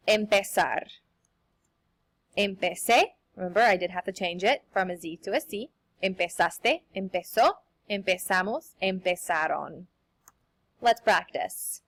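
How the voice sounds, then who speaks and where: Young woman teacher, cheerful sing-song delivery, models examples slowly for the class, mid-range voice. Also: medium pitch. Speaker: Spanish teacher. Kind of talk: recorded classroom lesson.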